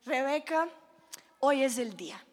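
A woman preacher voicing her mother, speaking in a soft, hushed, coaxing tone to her young daughter. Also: sits high, lively intonation, measured pace, pitched below the performer's own voice.

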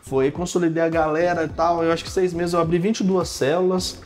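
A man's voice: on the high side, fairly quick, faint music behind. A man in his thirties, a pastor, telling stories in a casual podcast chat and filling his talk with "cara" and "né". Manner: animated storytelling, frequent "cara" and "né".

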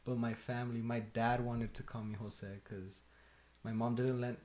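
A man's voice: mid-range voice, level tone, normal speed, darkish tone. A man in his twenties chatting casually on a podcast, telling stories in a rambling way and laughing as he talks. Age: 20s. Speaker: podcast co-host.

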